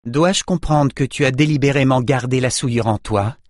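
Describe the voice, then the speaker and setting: A man's voice: medium pitch, normal speed, dry recording, close to an everyday voice. An astonished young woman companion questions her friend in a lifted, reproachful tone, played by a man reading an audiobook. She sounds blunt and worried. The sound is dry and close. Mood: incredulous. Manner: incredulous, reproachful.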